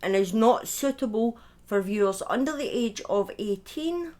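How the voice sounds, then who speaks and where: This live streamer and storytelling host talks casually to her audience in a fairly high, warm, animated voice at a measured pace. She's chatty, pokes fun at herself, and swears now and then.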